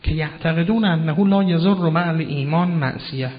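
Emphatic male preacher in a reverberant hall. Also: a little high. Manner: emphatic, with sudden swings from loud to hushed; addresses listeners directly, asks rhetorical questions. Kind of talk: religious lecture. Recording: dull lo-fi sound with long hall reverb.

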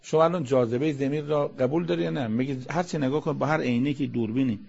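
A man delivers a conversational sermon, reciting verses and then unpacking them with rhetorical questions. His voice is husky and sits at a middling pitch. The recording sounds dull and lo-fi. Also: darkish tone. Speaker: religious lecturer explaining Quran verses.

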